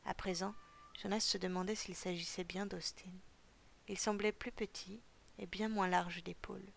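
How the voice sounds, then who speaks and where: A woman reading a novel aloud for a podcast in a calm, steady storytelling voice. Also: mid-range voice, normal speed, creaky. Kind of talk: audiobook reading.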